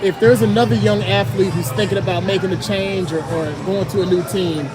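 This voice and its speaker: A woman's voice: mid-range voice, steady tone, fairly quick. A woman doing casual, upbeat on-the-spot interviews at a youth football event, hyping up each player in a slangy way. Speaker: sideline interviewer. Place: outdoor sports event. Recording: crowd and music behind.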